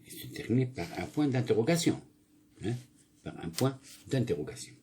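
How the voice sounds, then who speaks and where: With a little hiss or hum in the background, a male primary school teacher speaks at a moderate pace in a warm, lively, medium-pitched voice. He reads and explains a grammar exercise, asking questions he then answers himself and fixing slips as he goes.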